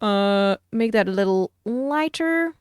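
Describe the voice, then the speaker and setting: A woman's voice: medium pitch, lively intonation, smooth, no echo, studio quality. A woman streamer chatting casually and giggling while she draws on stream. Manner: slow, musing, giggly.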